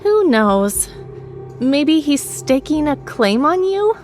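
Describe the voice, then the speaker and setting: A woman voicing a quiet, clever young woman who explains things in a level, matter-of-fact way. She stays calm and plain, slightly above the narrator's pitch, with faint music beneath. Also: a little slow, lightly acted.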